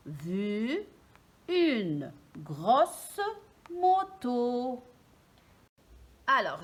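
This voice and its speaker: A woman teacher gives a reading lesson to young children. She speaks very slowly and stresses each sound with care. Her voice sits fairly high and rises and falls a great deal. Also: bright, forceful tone. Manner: slow, clearly articulated, stressing each sound.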